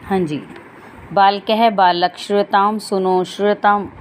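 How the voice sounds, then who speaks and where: Woman teacher, class lesson, line-by-line explaining, even mid pitch, faint background hiss. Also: slow pace. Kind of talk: Sanskrit lesson explained in Hindi.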